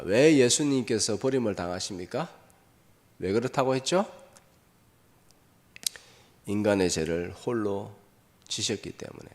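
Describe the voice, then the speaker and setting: A pastor preaching a sermon in a church with a dramatic delivery. He acts out quoted voices in sudden loud bursts and throws short questions back to the congregation. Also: fairly low pitch, vocal fry. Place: church sanctuary.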